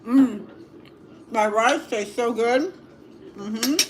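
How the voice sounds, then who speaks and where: A middle-aged woman hosting a casual livestream at home, chatting slowly while eating and savoring each bite with hums. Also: on the high side. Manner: slow and relaxed, savoring food with hums. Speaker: livestream host.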